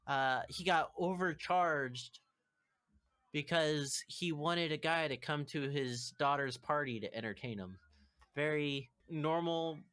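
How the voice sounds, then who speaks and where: A man's voice: a little high, fairly bright tone, clean tone. A man narrating as game master, loose and chatty with his players.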